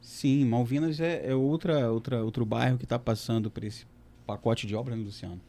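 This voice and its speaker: A man representing a water utility, answering audience questions on a panel in a halting way, with many fillers and restarts. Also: mid-range voice, steady tone, creaky, mellow.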